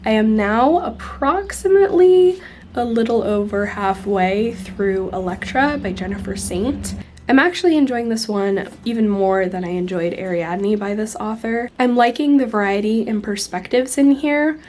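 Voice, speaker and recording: A book vlogger in her twenties, still congested while recovering from an illness, lies against pillows indoors and chats casually about the book she's reading, explaining at length. Her voice sits on the high side, with a moderate pace and a darkish tone. She holds the phone camera close, and there is slight background noise.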